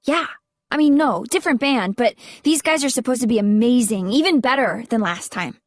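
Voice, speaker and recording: A woman's voice: fairly high pitch, expressive, normal speed, no room sound, studio quality. A woman reading the lines of a bold, easygoing teenage girl in an audiobook, with a casual, offhand delivery. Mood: eager.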